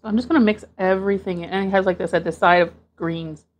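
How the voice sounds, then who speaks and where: This woman in her thirties is doing an eating vlog, chatting between mouthfuls on her living room sofa while wearing a lapel mic. The recording sounds muffled. Her mid-range voice stays steady and moves fast.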